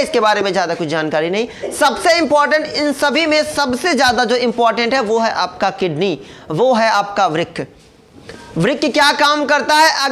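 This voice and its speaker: A man's voice: extremely high pitch, pushed and bright. A man teaching a casual classroom lesson, joking and asking rhetorical questions. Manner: chatty, asks rhetorical questions, jokes. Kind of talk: informal classroom lecture.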